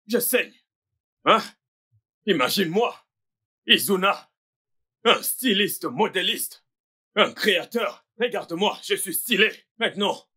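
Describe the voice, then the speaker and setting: A man's voice: high voice, pushed and bright, husky, full character voice. A man dubbing a vain young fashion designer who rants and vows revenge, in a French film dub. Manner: boastful, ranting threats.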